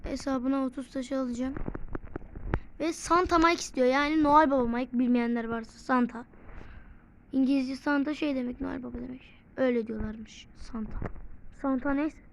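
A woman hosting a gaming channel, giving excited gameplay commentary. She shouts and repeats words in bursts and swears playfully at her teammates. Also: high-pitched, normal speed. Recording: slightly dull with faint background noise.

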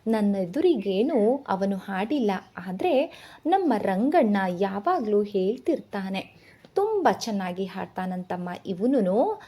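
A woman's voice: mid-range voice, dark tone, husky, exaggerated voice. A woman doing a chatty old village elder. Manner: chatty, boastful, folksy. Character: talkative older village man, elder matchmaker. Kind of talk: storybook narration.

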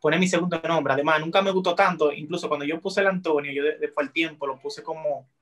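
Speaking fast in a high-leaning voice, this teenage TikToker from the Dominican Republic chats in a friendly, laid-back way during a casual video-call interview. His accent is Dominican Spanish, and he's in a small room indoors.

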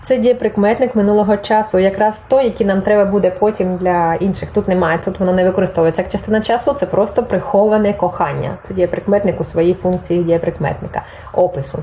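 A woman's voice: medium pitch, fast, dark tone, slight background noise, rough recording. A woman teaching a Spanish grammar lesson, patiently explaining and reading example phrases aloud, then translating them. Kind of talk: online language lesson.

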